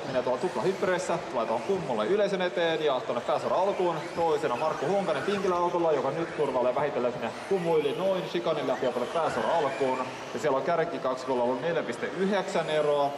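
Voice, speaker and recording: A man giving steady live play-by-play of a model car race, reading out positions as the cars go round. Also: on the high side, few pauses. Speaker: race commentator. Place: large indoor exhibition hall at a model car race. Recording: echoey hall, noisy PA sound.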